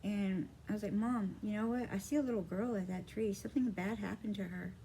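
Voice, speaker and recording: A woman's voice: medium pitch, brisk, gravelly, dark tone, slight background noise, low-quality recording. Rambling woman telling a personal story. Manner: rambling, many fillers, acts out quoted dialogue. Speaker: vlogger. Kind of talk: casual personal storytelling to camera.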